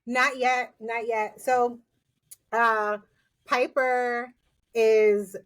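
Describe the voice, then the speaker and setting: A woman's voice: a little high, little pitch movement, extremely slow. A woman co-hosting a podcast, chatting casually about a TV episode with wry jokes. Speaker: podcast co-host. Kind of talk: casual TV recap chat.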